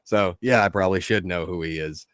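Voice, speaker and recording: A man's voice: deep voice, brisk, a bit bright, clean tone, no room sound, clean studio sound. A man hosting a podcast in casual chat, with a joking, teasing manner. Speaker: podcast host.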